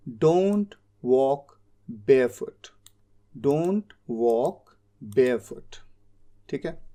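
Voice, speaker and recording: A man with an Indian accent teaching a spoken English lesson, explaining step by step and slowing down on each English example sentence. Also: fairly high pitch, dark tone.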